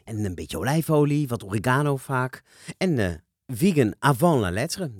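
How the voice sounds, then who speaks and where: A man's voice: medium pitch, very animated, moderate pace, no room sound, studio quality. A man hosting a conversational interview in a wry, articulate, teasing way. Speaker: interviewer, show host.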